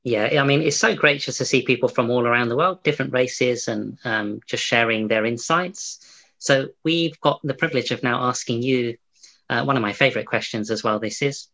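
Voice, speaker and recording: A man's voice: medium pitch, moderate pace, gravelly, fairly bright tone, rough recording. A man hosting an interview, asking long, winding questions with many restarts. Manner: rambling, full of fillers and restarts. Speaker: interview host. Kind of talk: hosted interview.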